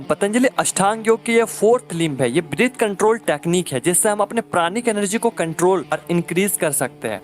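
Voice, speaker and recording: A young man calmly explaining yoga and meditation practice step by step, slipping English terms into his instruction. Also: high voice. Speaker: spiritual teacher.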